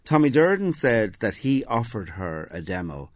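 Lively deep-voiced man. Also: normal speed, no room sound, clean studio sound. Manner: storytelling, laughs easily. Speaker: music pundit. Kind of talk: casual radio chat. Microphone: studio microphone.

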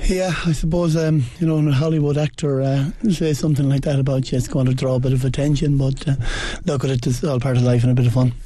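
A man's voice: mid-range voice, steady tone, fast, few pauses, warm tone. A man with a west of Ireland accent chatting casually as a sports panel guest, modest and a little hesitant. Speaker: sports guest, Gaelic football goalkeeper.

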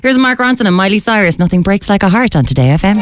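A woman's voice: medium pitch, lively intonation, fast, dry recording, studio quality. A woman with an Irish accent hosting a casual radio interview in an informal, jokey, enthusiastic way. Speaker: radio host.

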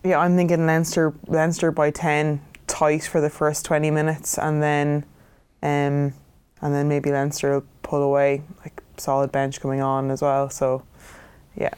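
A woman's voice: sits low, monotone, a little slow, darkish tone, clean tone. A woman giving her view casually on a rugby panel.

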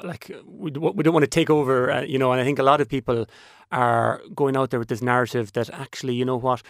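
A man's voice: mid-range voice, gravelly, no echo, studio quality. A man with a west of Ireland accent from Kerry, talking reflectively in a panel discussion, often repeating words as he thinks. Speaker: panel guest.

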